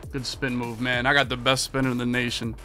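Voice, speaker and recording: Brisk and sharp, this American streamer in his thirties keeps his medium pitch mostly flat while soft music plays behind him. Sitting in a compact room full of monitors, he narrates his live gameplay with irritated, foul-mouthed complaints.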